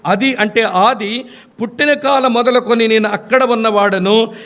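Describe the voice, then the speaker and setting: Man, preacher, sermon, humorous storytelling, acted dialogue, high voice. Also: normal speed, a bit bright. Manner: addresses congregation directly.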